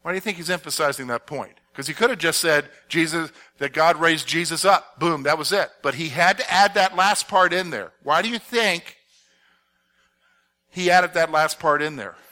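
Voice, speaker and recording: A man teaching a Bible passage as a pastor, animated and posing fill-in-the-blank questions to his listeners. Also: on the high side, normal speed. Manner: animated, asks the audience to fill in words. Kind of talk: expository sermon with audience questions.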